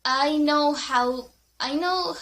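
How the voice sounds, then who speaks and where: A woman tells a story in a casual vlog, speaking slowly in English that is not her first language. She restarts phrases and giggles often. Her voice is fairly high and bright. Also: a little hiss or hum. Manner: halting, self-correcting, giggly, speaking English as a second language. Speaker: vlogger.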